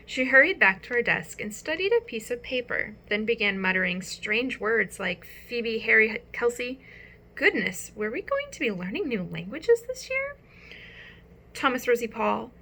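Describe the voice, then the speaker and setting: A woman narrating a children's audiobook with expressive storytelling. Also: on the high side, normal speed.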